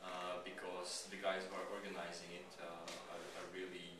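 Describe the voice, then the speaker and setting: Hesitant low-voiced man from Slovakia. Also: completely flat delivery, normal speed, background noise. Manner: hesitant, many fillers and restarts. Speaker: startup founder giving a pitch. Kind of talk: casual spoken pitch at a meetup. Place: meetup venue. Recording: echoey room, mic far off, crowd behind.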